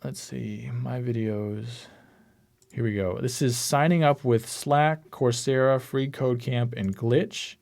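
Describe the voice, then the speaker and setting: A man's voice: medium pitch, steady tone, takes it slowly, gravelly, darkish tone. A man teaching a live online class over a video call, casually talking through each click on his screen. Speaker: course instructor. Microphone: computer mic on a video call.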